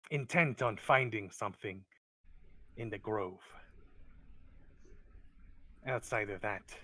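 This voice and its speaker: Brief: man doing a paranoid kobold guard, low, slow, loud and accusing. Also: no echo. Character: suspicious, bitter male kobold guard.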